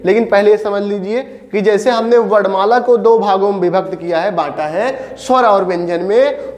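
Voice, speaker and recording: A man's voice: high-pitched, darkish tone. A man teaching a Hindi grammar lesson, who asks his class questions and answers them himself and repeats the key points. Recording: echoey room with reverb.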